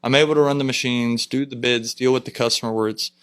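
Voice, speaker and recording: A man, a land clearing business owner talking in a casual interview in a relaxed, plainspoken way with lots of fillers. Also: medium pitch, fast.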